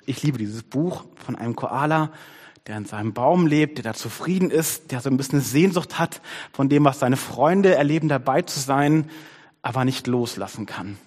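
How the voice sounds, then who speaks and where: A man preaching a conversational sermon on his worship team's behalf, shifting his pace and dropping to soft tones. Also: medium pitch, normal speed, big-room sound. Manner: conversational, varies pace, softens to near-whisper. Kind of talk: sermon with a storybook reading.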